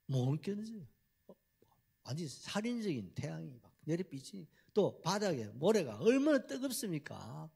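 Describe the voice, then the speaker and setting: Husky Gyeongsang-accented preacher. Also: male voice, fairly high pitch, normal speed. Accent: Gyeongsang Korean. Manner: animated storytelling, dialect-laden, frequent throat clearing. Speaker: pastor. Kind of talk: sermon.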